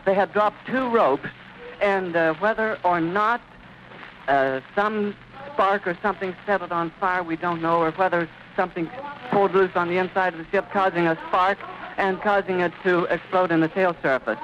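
A man's voice: high-pitched, fairly even intonation, moderate pace, fairly bright tone. A man reporting live as a radio commentator outdoors at an airfield, in a vivid, descriptive old-time announcer delivery. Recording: muffled noisy 1930s archive recording.

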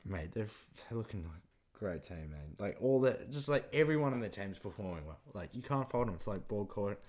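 Excitable young Kiwi-accented man. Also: fairly low pitch, brisk. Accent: New Zealand. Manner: excitable, rambling, peppered with "mate" and "like". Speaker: sports podcast co-host. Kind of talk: casual sports chat.

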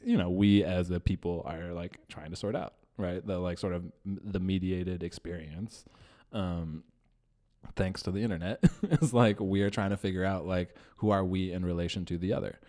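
A man's voice: sits low, steady tone, normal speed, a little mellow. A man born in the Philippines co-hosting a podcast, chatting casually and laughing often with many fillers. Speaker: podcast co-host. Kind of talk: casual chat.

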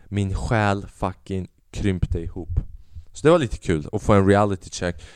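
A man with a fairly low, smooth voice tells a story on his podcast in a loose, casual monologue. He is animated, swears freely and acts out the people in the story. The sound is dry and close, with no room around it. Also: no room sound. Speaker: podcast host; stand-up comedian.

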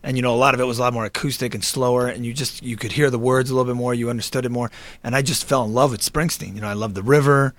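Guest man in his 30s, quick and rambling, dry close mic. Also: mid-range voice, fairly even intonation, no room sound. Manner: rambling, lots of fillers and restarts. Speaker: guest, improv comedian. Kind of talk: casual interview chat.

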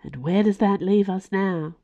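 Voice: medium pitch, a little slow, gravelly, dark tone. A storyteller voicing an anxious, determined mother who speaks impatiently and urgently.

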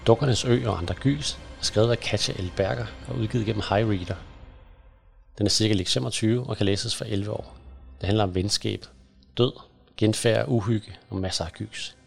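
A man reads a scary story aloud in a hushed, suspenseful manner. His voice sits low with a gravelly fry, and faint music plays underneath. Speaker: narrator. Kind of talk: scripted storybook narration.

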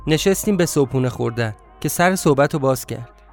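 A man's voice: medium pitch, animated. A man narrating a first-person story in a confiding, reflective way. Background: faint music.

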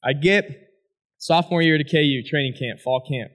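A man, a former college athlete, giving a personal testimony speech and telling his story with animated energy to an audience. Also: a little high, moderate pace. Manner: animated storytelling, asks the crowd "right?".

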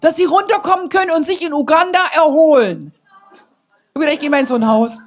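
A woman preaching a sermon to her church, passionate and building up to loud exhortation. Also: high-pitched, animated, brisk. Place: church service.

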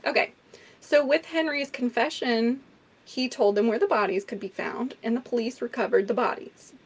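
Husky woman telling a crime story. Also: on the high side, moderate pace. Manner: animated storytelling, swears, laughs often. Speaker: podcast co-host telling a true crime story. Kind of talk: casual true crime chat.

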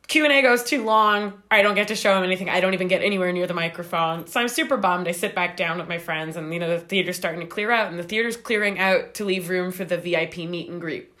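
Young woman, from Canada, casual storytelling, animated, rambling, podcast guest. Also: on the low side. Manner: animated, rambling, acts out quoted voices.

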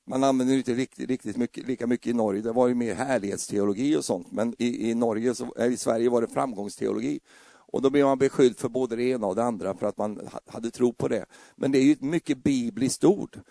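Gravelly preacher, dark voice. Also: male voice, medium pitch, dry recording, clean studio sound. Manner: humorous, acts out scenes with voices. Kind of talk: lively sermon.

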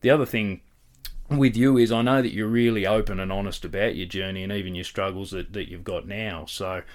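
A man's voice: on the low side, fairly even intonation, fairly quick. An Australian man talking casually as a podcast host in an interview chat.

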